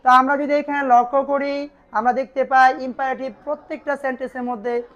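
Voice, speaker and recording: A woman with a Bangladeshi accent teaching an English grammar lesson in a classroom. She asks questions and answers them herself, and reads English examples slowly before translating them. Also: sits high, flat delivery, fairly bright tone. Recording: dull lo-fi sound.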